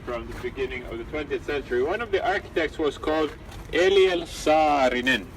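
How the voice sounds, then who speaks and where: A man working as a ghost tour guide, telling stories live to a group in a halting, conversational way. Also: on the high side, expressive. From Finland. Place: outdoors on city streets. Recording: windy, noisy outdoor recording from a distance.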